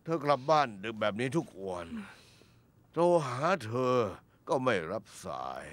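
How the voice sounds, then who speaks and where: A man's voice: mid-range voice, lively intonation, a little slow, a bit bright. A man dubbing a jealous husband who questions his wife and then begs her to stay, in a Thai TV drama dub. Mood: suspicious. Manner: suspicious, then begging and sobbing. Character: desperate pleading husband, jealous.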